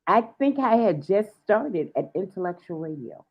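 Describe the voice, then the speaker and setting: A woman's voice: medium pitch, big pitch swings, moderate pace, husky. A woman hosting a live internet radio interview, chatty and bubbly, laughing often, talking over a computer mic on a video call. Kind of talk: casual live-stream interview chat. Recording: dull lo-fi stream audio.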